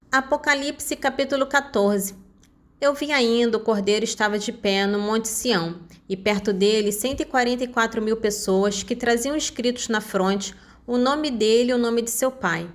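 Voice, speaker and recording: Woman reading scripture in a higher voice. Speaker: Bible reader. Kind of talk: scripted Bible reading with summaries.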